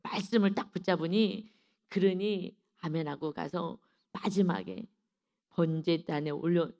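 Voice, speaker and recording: A woman pastor giving an early-morning devotional sermon, swinging between loud exclamations and hushed asides. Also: on the low side, unhurried.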